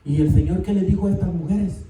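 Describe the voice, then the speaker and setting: A man preaching a sermon, animated and calling out to the congregation often. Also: high voice, quick pace, a little hiss or hum. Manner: animated, calls out "hermano" often. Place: church sanctuary. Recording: echoey church from far off.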